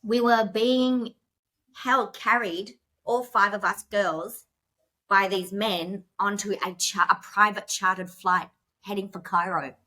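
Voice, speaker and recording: Bright-voiced woman telling her story. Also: mid-range voice, steady tone, slow. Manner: tells her story in a rush, with many "like"s and restarts; emotional at moments. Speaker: podcast guest. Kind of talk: personal storytelling in a podcast interview.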